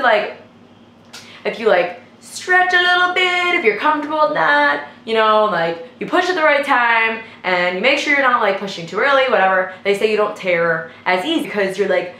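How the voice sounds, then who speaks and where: A young woman, a nursing student, telling a story casually in a chatty, animated way with lots of filler words. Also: mid-range voice, a little fast. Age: young adult. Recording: echoey room with faint noise.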